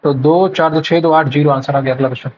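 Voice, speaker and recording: A man's voice: fairly high pitch, fairly even intonation, fast talker, a little hiss or hum. A man tutoring for exams, thinking aloud as he solves math problems, muttering numbers and correcting himself while mixing in English terms. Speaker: exam prep tutor solving a live mock test. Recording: dull lo-fi sound.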